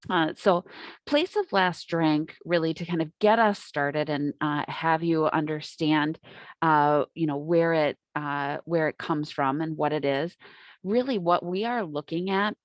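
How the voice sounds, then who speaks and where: An American woman giving an informal, halting webinar presentation, speaking through a face mask. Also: deep voice, no echo. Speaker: webinar presenter, hospital injury prevention coordinator. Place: on site at a hospital. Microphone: microphone, worn with a face mask.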